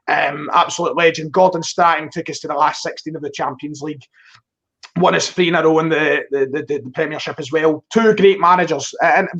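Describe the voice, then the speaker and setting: This Glaswegian man, a guest on a live stream, talks football casually and at length, often doubling up on words as he begins. He has a broad accent and a fairly bright, somewhat high voice, captured in dull-sounding audio.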